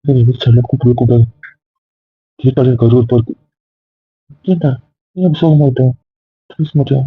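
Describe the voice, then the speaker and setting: A man's voice: mid-range voice, steady tone, husky, no room sound. A man playing a possessive, jealous young husband in an amateur audio drama, pleading one moment and stubborn the next. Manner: pleading then stubborn, quick-talking. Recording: dry, tinny phone-like lo-fi audio.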